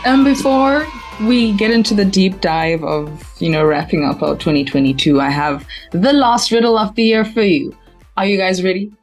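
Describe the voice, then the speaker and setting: A woman's voice: mid-range voice, normal speed, faint music behind. A woman from South Africa hosting a casual podcast, upbeat and laughing often. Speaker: podcast host.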